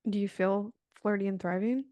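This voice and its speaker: A woman's voice: mid-range voice, steady tone, normal speed, warm tone, dry recording. A woman co-hosting a true-crime podcast, telling stories in a conversational way. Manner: conversational storytelling. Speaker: podcast co-host.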